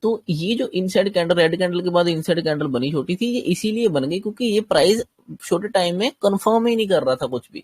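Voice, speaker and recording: Husky-voiced man teaching trading. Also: high-pitched, expressive, a little fast, a little mellow, dry recording. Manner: explanatory, often checks understanding. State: slightly sore throat. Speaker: trading instructor. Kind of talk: chart-based lesson.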